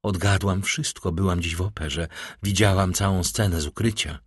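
A man voicing a grieving middle-aged noblewoman who pleads with hushed desperation for her son. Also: low voice, steady tone, moderate pace, husky, dry recording, clean studio sound. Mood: pleading.

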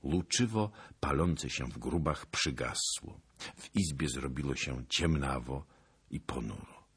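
A man's voice: a bass voice, unhurried, a bit bright, husky. A man narrating a historical novel as an audiobook, solemn and dramatic.

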